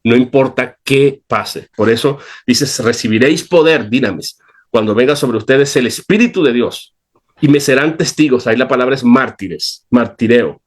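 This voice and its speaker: A man's voice: mid-range voice, moderate pace. A man giving a conversational Bible teaching, earnest and emphatic in a preacherly way.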